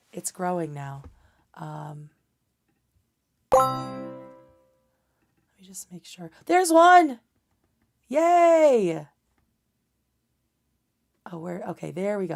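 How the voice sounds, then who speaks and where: A woman's voice: lowish voice, moderate pace, gravelly, warm tone. A young adult woman hosting a livestream and chatting casually in a loose, rambling way. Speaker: livestream host.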